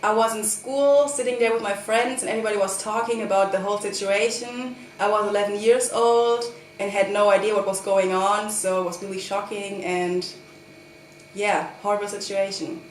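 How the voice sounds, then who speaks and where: A woman's voice: medium pitch, steady tone, normal speed, a little hiss or hum. A woman in her twenties with a German accent, recalling a memory in English in simple, earnest words. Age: 20s. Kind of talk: personal recollection. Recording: echoey room.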